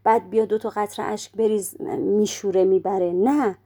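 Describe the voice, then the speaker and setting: A woman's voice: mid-range voice, fairly even intonation, warm tone, husky. A woman giving a religious lecture, explaining step by step and posing rhetorical questions that she then answers herself. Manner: slows down to recite prayer quotations.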